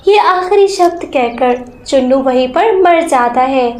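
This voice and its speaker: High-voiced woman telling a fable. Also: animated. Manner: measured, dramatic telling. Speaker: storyteller. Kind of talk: storybook narration. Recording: roomy echo.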